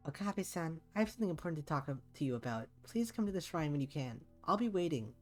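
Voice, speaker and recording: Woman playing a timid, gentle young shrine attendant; quiet, hesitant, polite. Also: low-pitched, big pitch swings, quick pace, soft background music, pitched above the performer's own voice.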